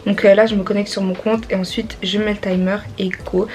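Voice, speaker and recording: A woman's voice: mid-range voice, little pitch movement, brisk, darkish tone, rough recording. A teenage girl chatting casually through her vlog, with many fillers and restarts. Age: teens. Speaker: vlogger.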